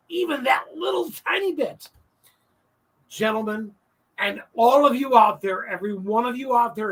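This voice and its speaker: A man in his late fifties hosts a casual online talk show, gushing with heartfelt thanks and circling back over his words. His voice is bright and swings widely in pitch. He sits a little away from the mic, so it sounds distant. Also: husky. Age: 50s. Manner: effusive, heartfelt, repeats himself. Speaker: show host. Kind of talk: emotional casual chat.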